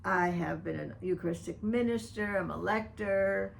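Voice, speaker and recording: This vlogger, an older woman from the Dominican Republic, speaks directly to a public figure by name in an earnest, pointed personal video message framed as an open letter. Her voice is mid-range and gravelly, at normal speed, with slight background noise.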